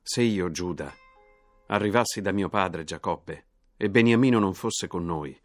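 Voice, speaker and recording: A man's voice: low voice, a little slow, dry recording, faint music behind. A man reading aloud as a brother earnestly begging to take another's place. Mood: pleading. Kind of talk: scripted reading.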